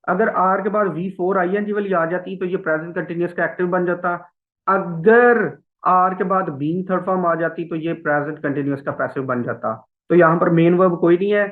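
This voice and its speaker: A man teaching an English test class, explaining slowly and repeating words for students to copy. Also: high voice. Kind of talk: classroom lecture. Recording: phone-like thin sound.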